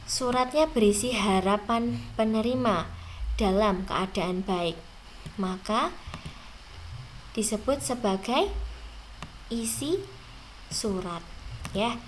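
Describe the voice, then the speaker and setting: A woman's voice: on the high side, a bit bright, a little hiss or hum. Woman teacher drawing out key words. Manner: slow, drawn-out stressed words, addressing students directly. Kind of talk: exam review lesson.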